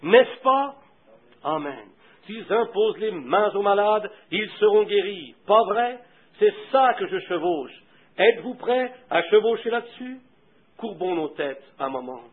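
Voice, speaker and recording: This expressive preacher has a high voice and keeps a measured pace, ranging from hushed narration to fervent, loud exhortation. The old audio is tinny and thin, much like a phone line.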